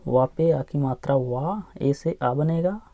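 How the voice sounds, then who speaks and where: A man teaching English phonics, sounding out each letter slowly and repeating every word. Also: a little high, warm tone, no room sound. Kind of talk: slow phonics lesson, spelling words aloud.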